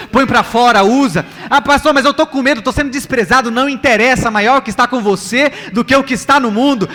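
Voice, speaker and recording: Preaching to a congregation in a large church hall, a man with a Brazilian accent uses a very high voice with a bright, forceful tone. He repeats himself for emphasis and asks his listeners rhetorical questions. The live recording carries long reverb over background music.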